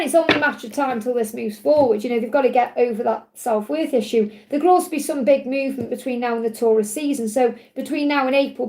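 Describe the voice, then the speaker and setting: Middle-aged female tarot host, high-pitched yet soft-edged and mellow, a little croaky, reassuring live-reading delivery. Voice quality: slightly croaky when hot. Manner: reassuring, repeats points in parallel phrases.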